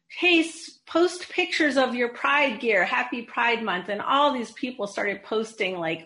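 A woman's voice: mid-range voice, bright, forceful tone. A woman guest on a radio panel, sharing an earnest personal story in a thoughtful way. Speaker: panel guest, founder of a nonprofit.

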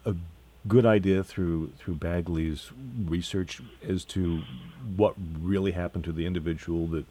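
Deep, husky male radio interviewer. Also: fairly even intonation, a little slow, dark tone. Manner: stumbling, repeats words when asking questions.

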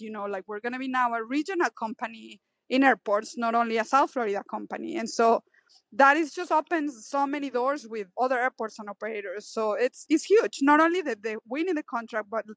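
A woman in her thirties, a business owner in an interview, talking excitedly and tumbling over repeated words. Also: sits high, dry recording. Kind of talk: interview answers.

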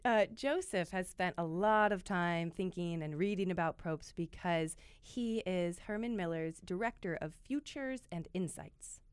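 A woman's voice: fairly low pitch, a little slow, few pauses, clear, resonant tone, no room sound. A woman hosting a podcast, narrating in a scripted yet casual, upbeat way with occasional fillers. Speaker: podcast host.

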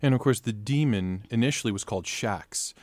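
A man interviews a playwright, building his questions in long, thoughtful layers. His voice sits low. It is recorded close and dry. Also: a little fast, a little mellow, dry recording. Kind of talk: interview conversation.

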